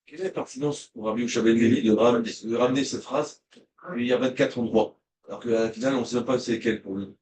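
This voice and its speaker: A man's voice: mid-range voice, fairly even intonation, fast, a little mellow, far from the mic, a little hiss or hum. A man, a student in a class, asking his teacher a question.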